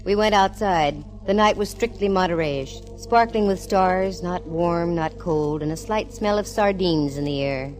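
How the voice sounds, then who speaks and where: A woman plays a wisecracking, confident private eye, delivering wry, sardonic first-person noir narration in 1940s radio style. Her fairly low, darkish, natural voice moves unhurriedly with hardly any pauses. The rough vintage recording from the 1940s-50s radio era has music behind her.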